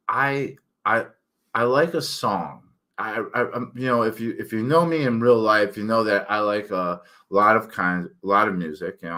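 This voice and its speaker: A fairly low, sharp-toned voice belongs to a middle-aged author hosting his own channel. Speaking with thick, slightly slurred, tongue-heavy articulation, he wanders through an honest monologue full of self-deprecation.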